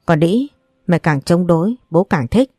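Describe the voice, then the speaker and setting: A crude, threatening drunken older man barks vulgar taunts , as a woman reading the story puts him on. The voice sits low and mellow, and the recording is dry and close. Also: lively intonation, normal speed, no echo. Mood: snarling. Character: crude, menacing drunken older male villain.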